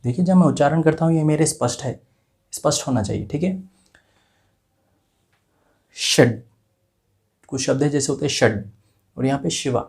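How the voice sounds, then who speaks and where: A man teaching a script lesson, saying each letter slowly and carefully and repeating sounds one by one. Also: fairly high pitch, vocal fry, a little mellow.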